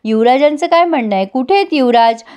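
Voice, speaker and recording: A woman narrating a TV serial recap to her viewers, retelling each character's lines herself in a lively storytelling way. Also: sits high, fast talker, clear, resonant tone. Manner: retells dialogue in character, addresses viewers directly.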